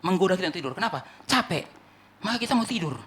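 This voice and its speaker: A male pastor preaching a sermon emphatically, rising to loud climaxes and dropping to low asides. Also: animated, rapid-fire. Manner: repeats "saudara yang dikasihi oleh Tuhan" as a refrain.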